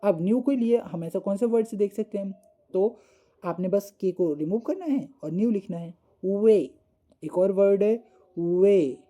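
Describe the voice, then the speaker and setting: A man teaching a school English lesson, explaining patiently and reading English definitions slowly word by word. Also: high voice, dark tone.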